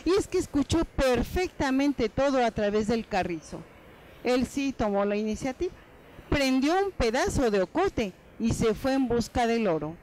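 A woman with a fairly high voice tells a folk tale in an educational TV studio. She acts out the dialogue and stretches out key words for effect. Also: rough recording. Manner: expressive, slows down for dialogue and drawn-out words. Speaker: storyteller guest. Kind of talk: oral folk tale telling.

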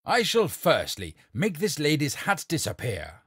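A man's voice: mid-range voice, huge pitch swings, normal speed, husky, dry recording, clean studio sound, pitched above the performer's own voice. A man voicing a vain, imperious king in a storybook reading, speaking in a commanding, threatening way. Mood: boastful.

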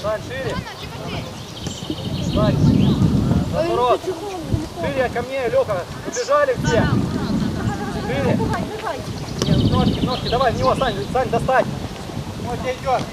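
A man's voice: very high-pitched, expressive, unhurried, pauses often, recorded from a distance. A man coaching youth football from the touchline, calling out urgent, clipped, repetitive instructions and players' names. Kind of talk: shouted touchline instructions during a match. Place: outdoors at a football pitch touchline. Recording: windy outdoor noise, loud and rough.

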